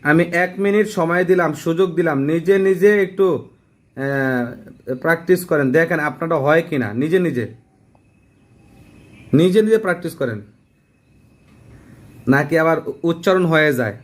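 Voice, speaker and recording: A man's voice: a little high, normal speed, long pauses. A man teaching Quran letter pronunciation, drilling syllables one by one and asking his students whether they follow. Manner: patient, drills letters syllable by syllable and checks understanding. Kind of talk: slow classroom-style recitation lesson.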